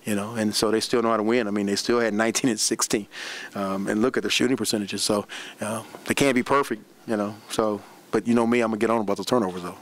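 A middle-aged man, a head basketball coach, answering questions after a game at a press room desk microphone, animated and repeating words as he talks. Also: fairly low pitch. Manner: animated, repeats words, fast run-on talk. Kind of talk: post-game press conference. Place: press room in front of a backdrop. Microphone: desk microphone on a stand.

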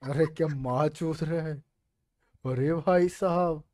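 In this casual meme reaction, a young man from India laughs, swears and talks slang in a slightly high, mellow voice at a slow pace. A little hiss or hum sits under the audio.

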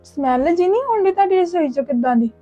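A woman's voice: very high voice, expressive, fast talker, warm tone, dry recording, muffled recording, soft background music. A woman playing a nosy, boastful young friend in an amateur family drama, chattering away.

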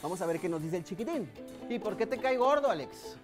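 A woman with a Mexican accent hosting a children's TV show in an animated, playful and teasing way. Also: medium pitch, a little fast, music in the background. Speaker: children's TV host.

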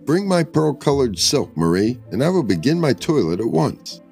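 A man's voice: mid-range voice, very animated, normal speed, gravelly, darkish tone, voice pushed up. A man voicing a vain, flighty rich young lady, talking breezily and haughtily over faint music. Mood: haughty.

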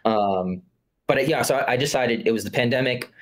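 This is a casual video-call conversation with a filmmaker guest, a man in his thirties from Florida, speaking from a room with a curtained window. He talks briskly in a medium-pitched voice, easygoing and heavy on fillers.

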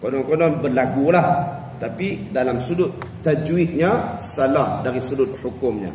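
Malaysian religious teacher in echoey hall. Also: male voice, medium pitch, darkish tone, slight background noise. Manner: explains rules, then chants verses slowly to demonstrate. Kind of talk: evening mosque class on Quran recitation. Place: cold air-conditioned prayer hall. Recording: distant, echoey hall with long reverb.

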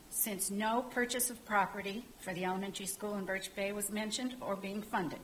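A woman's voice: mid-range voice, a bit bright, slight background noise, poor audio. An older woman giving a formal public comment from a podium in a council chamber, reading a prepared statement. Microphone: podium microphone.

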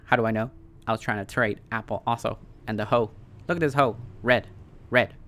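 A man giving casual, off-the-cuff trading commentary in slangy, excitable crypto-bro talk, often repeating phrases for emphasis. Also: on the low side, fairly quick. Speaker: stock trading YouTuber.

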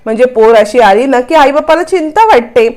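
A woman's voice: high voice, expressive, moderate pace, darkish tone. Woman narrator doing anxious loving mom; storybook recap. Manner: worried, questioning. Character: anxious, loving village mother.

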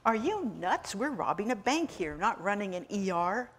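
A man's voice: high voice, sing-song, normal speed, a bit bright, a little hiss or hum, exaggerated voice. A woman voicing an exasperated male bank robber scolding his partner. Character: jumpy man bank robber, henchman.

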